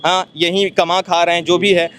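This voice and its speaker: A man with a high voice works as a street reporter. He presses passersby with persistent questions outdoors. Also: level tone, moderate pace, fairly bright tone. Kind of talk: street vox-pop interview.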